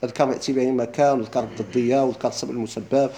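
A man's voice: medium pitch, fairly even intonation, very fast, mellow, a little hiss or hum. A man with a Moroccan accent teaching a lesson on classical rhetoric, asking questions and answering them himself.

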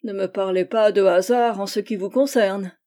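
Lady voicing a polite german-accented gestapo officer, smooth and flattering, mellow tone. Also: mid-range voice, normal speed, natural voice. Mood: courteous. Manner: courteous, flattering.

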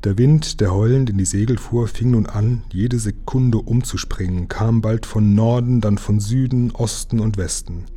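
A man with a low, mellow voice reads a children's adventure story aloud. His narration is dramatic and lively, with a soft husky edge. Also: normal speed, few pauses. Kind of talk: children's book reading aloud.

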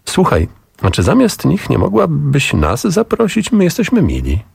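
A man's voice: a little high, huge pitch swings, normal speed, creaky, husky, no room sound, studio quality, voice pushed up, heavily acted. A man reading a kindly storybook visitor. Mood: sympathetic. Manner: sympathetic, gently advising. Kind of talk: reading a storybook aloud with voices.

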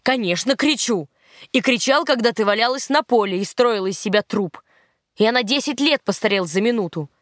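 A woman's voice: medium pitch, moderate pace, no room sound, clean studio sound, natural voice. A woman reading the lines of a brooding German footballer who scolds in anger. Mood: angry. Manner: gruff, scolding.

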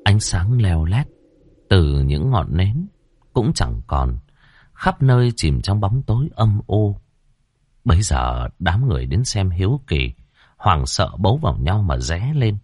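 A man storyteller narrating a ghost tale in a low voice, slow and deliberate. His delivery is dramatic, rising and falling with a lot of expression. The recording is dry and close. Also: big pitch swings, a little mellow, breathy edge, no room sound.

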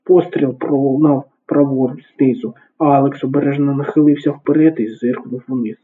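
A man narrating an audiobook in a steady, even reading voice. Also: medium pitch, normal speed, slightly rough. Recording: narrow phone-like sound.

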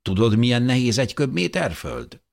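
A man's voice: medium pitch, very animated, gravelly, voice pushed up. A man doing a blunt, matter-of-fact young man.

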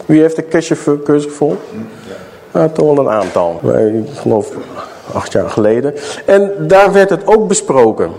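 High, lively male preacher. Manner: questions the audience, dramatic slow emphasis. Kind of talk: sermon.

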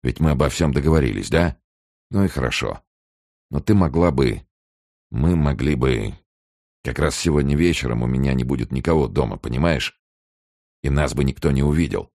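A man's voice: very deep voice, expressive, moderate pace, long pauses, a little mellow, dry recording, clean studio sound. A man reading an audiobook and voicing a selfish, cowardly young male student in a nervous, wheedling manner. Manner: anxious, wheedling, turning nasty.

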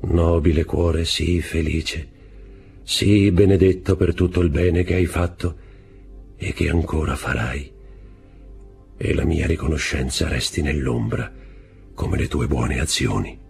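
A man voicing a mysterious bearded stranger who murmurs slowly and low in a husky voice. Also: lively intonation, faint music behind, exaggerated voice. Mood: solemn.

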